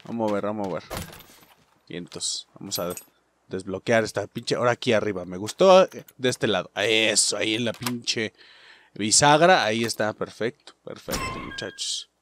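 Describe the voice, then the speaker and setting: A man with a Mexican accent commenting on a game he is playing, cursing constantly and shouting at enemies. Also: on the low side, normal speed, slight background noise. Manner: profane, excitable, shouts at enemies. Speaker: gaming channel host. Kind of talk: let's play commentary.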